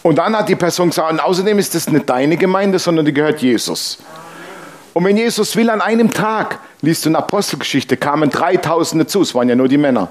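A man's voice: on the high side, fast talker. A male pastor preaching a sermon, telling personal anecdotes and pressing the congregation with emphatic rhetorical questions. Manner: conversational storytelling, exclaims Amen.

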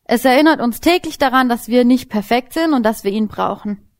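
Woman, young adult, informal sermon, higher-pitched, casual and direct. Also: a little fast. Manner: casual, lively, talks directly to listeners. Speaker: Bible teacher.

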